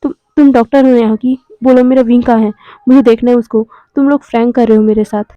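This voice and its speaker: A woman's voice: fairly high pitch, steady tone, fast, dry recording, muffled recording, close to an everyday voice. A woman voicing a stammering grief-struck young husband. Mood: frantic. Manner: stammering, pleading, breaking into cries. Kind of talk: dramatic storytelling reading.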